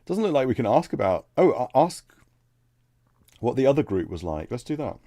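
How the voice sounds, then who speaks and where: A man streaming a text adventure, reading the game text aloud and thinking out loud between passages. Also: mid-range voice, sing-song, moderate pace, no room sound, clean studio sound. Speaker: let's play streamer.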